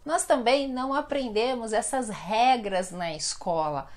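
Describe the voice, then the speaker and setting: Chatty Brazilian woman teaching slowly. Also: on the high side, darkish tone. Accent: Brazilian Portuguese. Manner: chatty and playful, drawing out example words slowly. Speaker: Portuguese teacher. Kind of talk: casual online language lesson.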